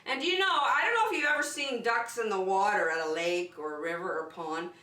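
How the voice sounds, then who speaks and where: A preschool teacher leads story and circle time, speaking straight to young children in short, simple, encouraging phrases during a lesson with singing. Her voice is medium-pitched, lively in intonation, brisk and sharp-toned. The room is roomy and she stands at a distance from the microphone.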